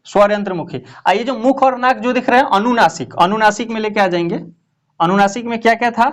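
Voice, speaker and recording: A man's voice: sits high, a little fast. A male teacher giving a classroom lesson, often asking questions and repeating the answers.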